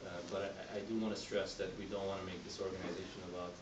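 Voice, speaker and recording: A man from Egypt giving a candidate speech to a community group, talking in a halting way with many fillers and restarts. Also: deep voice, flat delivery. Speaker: board candidate. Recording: roomy hall, mic at a distance, background noise.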